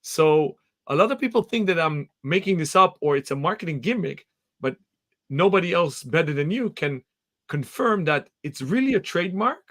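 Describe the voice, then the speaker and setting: A man hosting a live interview show, asking questions in an energetic, enthusiastic way. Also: a little high, moderate pace. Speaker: podcast host.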